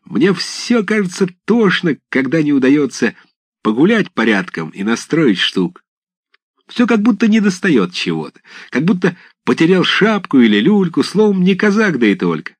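A man voicing a burly young village reveller in a storybook reading, boisterous and rabble-rousing, pitched well above his own voice. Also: big pitch swings, moderate pace, husky, no echo, clean studio sound. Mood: rowdy.

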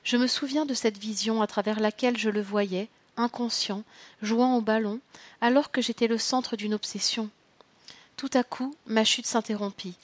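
Brief: female audiobook narrator, measured and expressive, dry studio sound. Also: on the high side, no room sound. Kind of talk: first-person audiobook narration.

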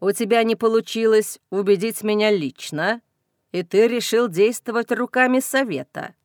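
A woman's voice: a little high, normal speed, no echo, studio quality, close to an everyday voice. A woman voicing a stern, threatening male alpha werewolf leader in an audiobook. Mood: menacing. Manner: cold, threatening. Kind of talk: audiobook character reading.

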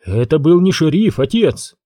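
A man reading an audiobook, voicing a rancher's young son who speaks quietly and calmly. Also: fairly high pitch, moderate pace, no echo, studio quality. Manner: quiet, calm.

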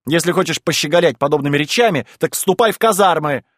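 A man voicing a polite, scheming middle-aged gentleman who talks evasively and with wounded dignity in an audiobook reading. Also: on the high side, quick pace, no echo, clean studio sound, pitched above the performer's own voice. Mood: wheedling.

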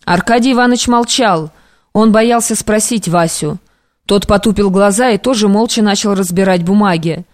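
A woman narrating classic prose for an audiobook in a measured, even manner. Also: mid-range voice, no echo, studio quality.

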